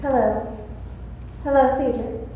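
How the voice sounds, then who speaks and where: A woman's voice: high voice, fairly even intonation, takes it slowly, mellow, dull audio. A woman on a stage playing a glamorous, affected actress with a theatrical, swooning delivery in a live play. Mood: gushing. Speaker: stage actor. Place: large auditorium stage. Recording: echoey hall, faint room noise.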